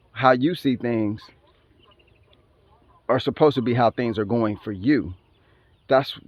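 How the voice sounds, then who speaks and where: Recorded with muffled sound, this medium-pitched man is a vlogger with Philippine roots who grew up somewhere else. Outdoors, he delivers a casual, rambling monologue packed with streetwise slang and side remarks, and he answers back to animals.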